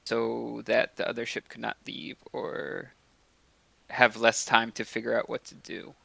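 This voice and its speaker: A man's voice: medium pitch, flat delivery, unhurried, gravelly, pushed and bright, no room sound. A man playing a tabletop game, talking in a hesitant way full of "like". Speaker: player. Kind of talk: casual game chat.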